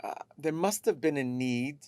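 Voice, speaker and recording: A middle-aged man from Lebanon co-hosting a coaching podcast, speaking reflectively and halting often as he searches for words. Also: a little high, lively intonation, darkish tone, clear, resonant tone, no room sound. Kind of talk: casual conversational podcast.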